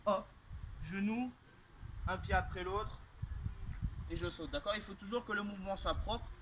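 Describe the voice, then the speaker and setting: A man with a high voice coaching a workout while doing the moves himself, his speech pushing louder on the effort. He keeps checking in with his listeners as he explains. Loud noise runs under the recording. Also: moderate pace. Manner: talks while moving through exercises, loud bursts on effort; frequent "d'accord?" checks and fillers. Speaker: fitness coach. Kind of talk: workout instruction while demonstrating.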